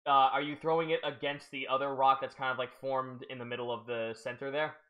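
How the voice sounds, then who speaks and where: A man narrating a tabletop role-playing game as game master, halting and restarting as he explains the rules. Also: mid-range voice, little pitch movement, dull audio.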